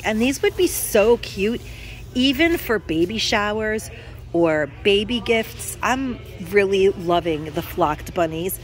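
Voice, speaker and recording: Walking the aisles of a large discount store, a woman vlogs on her handheld phone and enthusiastically chats with her audience, calling them "you guys." It's a relaxed shop-with-me video, and her voice is mid-range.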